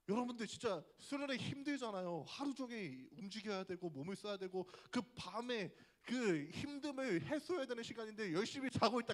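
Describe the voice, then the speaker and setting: Lively young man preaching to youth. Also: sits high. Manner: chatty, asks the audience questions. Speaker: youth pastor. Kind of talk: youth sermon. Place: church hall.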